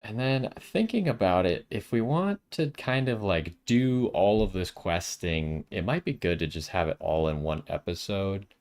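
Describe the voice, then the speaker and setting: Low-voiced man musing over a game. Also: expressive, normal speed, hardly any pauses, darkish tone. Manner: musing, asking himself questions. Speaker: gaming video host. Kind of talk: casual gameplay commentary, thinking aloud.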